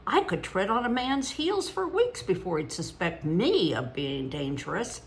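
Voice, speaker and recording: A woman in her older years reading aloud as a good-natured one-eyed old man with a high-pitched cackle, in an emphatic, amused manner. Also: big pitch swings, unhurried, vocal fry, slight background noise.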